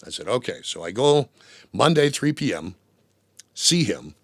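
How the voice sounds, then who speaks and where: A man, a former radio DJ, telling stories in an interview, animated and laughing often, putting on voices for the people in his anecdotes. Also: mid-range voice, a little slow, dry recording. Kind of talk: storytelling interview. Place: radio studio.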